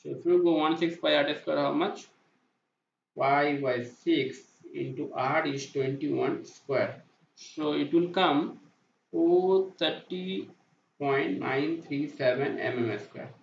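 Explaining weld math at a slow pace, this man has a fairly high, creaky voice, with slight background noise. As a welding inspection instructor giving a whiteboard math tutorial, he's repetitive and answers his own questions. His voice-over accompanies screen drawing and is roomy, dull, and lo-fi.

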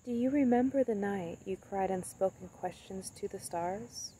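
A young spoken word poet records herself on a phone held at arm's length beside a tree in the woods, sharing reflective thoughts casually and reading a poem she wrote. Her medium-pitched voice is soft and halting, full of pauses and fillers. Crickets and insects chirp around her, and there's a little hiss or hum on the recording.

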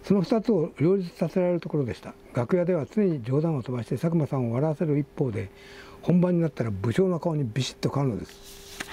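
Fast-talking older Japanese man reading articles. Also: fairly high pitch, lively intonation, mellow, slight background noise. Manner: reads quotes aloud with asides and self-corrections. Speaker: magazine editor and host. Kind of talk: reading magazine articles aloud in a casual talk show.

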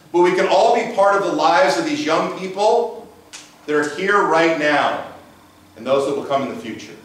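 A middle-aged man with a big, somewhat high and a bit bright voice preaches a conversational sermon, throwing out rhetorical questions. The pastor is recorded at a distance by a camera and room mic inside an echoey church sanctuary.

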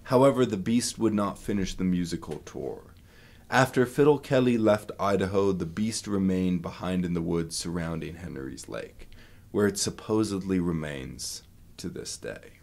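A man recounts an old frontier legend in a storytelling style. His voice sits a little low. He leans into the dramatic moments and tosses off dry asides. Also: normal speed, gravelly, darkish tone. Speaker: museum staff member telling local lore. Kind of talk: storytelling narration of a folk legend.

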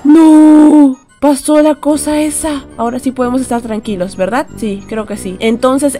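Young woman playing a scary game, high voice, jittery and chatty, screams at jumpscares. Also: darkish tone. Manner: jittery, frightened, chatty to viewers, bursts into shrieks. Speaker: gaming streamer. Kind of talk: horror game playthrough.

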